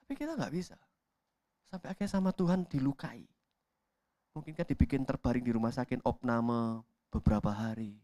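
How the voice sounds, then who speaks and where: Pastor with a lilt. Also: male voice, mid-range voice, brisk, long pauses, no room sound. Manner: acts out voices in quotes, swings from loud shouts to whispers. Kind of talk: sermon. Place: church hall.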